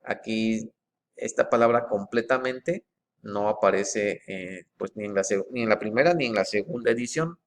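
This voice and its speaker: Gravelly man, explaining methodically. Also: lowish voice. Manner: methodical and halting, with frequent fillers and restarts. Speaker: presenter comparing book editions. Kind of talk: informal explanatory walkthrough, reading passages aloud.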